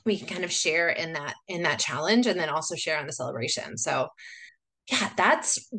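With a deep, expressive voice that sounds pushed and bright, an American woman chats through her solo podcast at normal speed. Her talk is casual and rambling, heavy on "like" and "you know."

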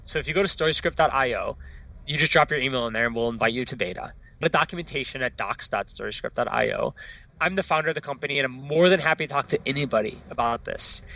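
Speaking at a medium pitch with a sharp tone, this man is a startup founder giving a casual interview with plenty of enthusiasm and speed. He carries a non-Dutch foreign accent and keeps peppering his talk with "like" and a tagged-on "right?". There's no echo, and the audio sounds dull.

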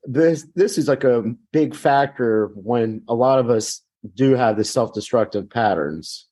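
A man's voice: medium pitch, unhurried, warm tone. A man hosting a podcast, who thinks aloud as he sums up what his guest has said, often restarting a phrase and asking for confirmation. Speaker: podcast host. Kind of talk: casual interview chat.

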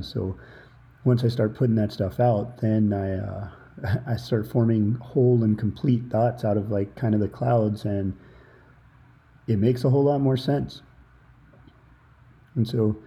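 Male solo podcast host, very soft-edged dark tone, informal and reflective, improvised towel-over-head office recording. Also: on the low side, creaky, highs cut off. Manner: reflective, informal, thinking aloud. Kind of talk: free-flowing motivational solo podcast talk. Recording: improvised, under a towel at the computer.

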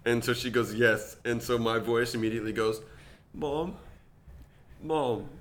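A man's voice: mid-range voice, monotone, fairly quick, a bit bright. A young man co-hosting a podcast, telling a story in casual chat with many restarts and slips. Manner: rambling storyteller, frequent restarts and word slips. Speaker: podcast co-host. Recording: echoey room, faint noise.

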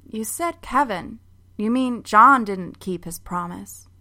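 A woman's voice: medium pitch, lively intonation, slow, pushed and bright, full character voice. A woman voicing an indignant young girl who is defending herself in a storybook reading. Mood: puzzled.

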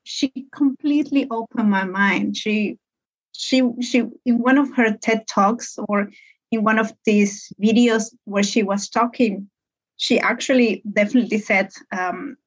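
A woman from Peru, a guest in a podcast interview who chats freely with fillers. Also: on the high side. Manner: chatty, many fillers and laughs. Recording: dull lo-fi sound.

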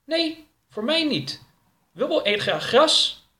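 A man's voice: very high-pitched, very animated, takes it slowly, pushed and bright, pitched above the performer's own voice, full character voice. A man voicing a naive, cheerful young man who asks innocent, literal questions.

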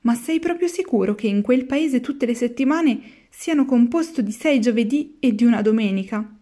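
A woman's voice: a little high, animated, normal speed, mellow. Wooden puppet boy from a storybook, read by a woman, wistful, eager. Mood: doubtful.

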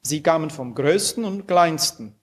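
Slow, earnest man reading scripture. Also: a little high, animated. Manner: measured, earnest, with dramatic pauses. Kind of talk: reflective scripture reading and commentary.

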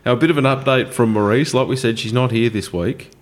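A man's voice: medium pitch, fast. A man with an Australian accent hosting a casual podcast, bantering and rambling in a jokey way. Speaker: podcast host. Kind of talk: casual chat.

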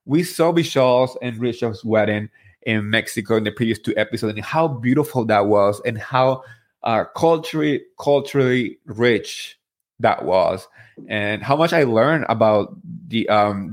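A Spanish podcast host with a Spanish accent talks through his thoughts alone in casual commentary, earnest and heartfelt, with lots of fillers and restarts. His voice is lowish and his speed normal.

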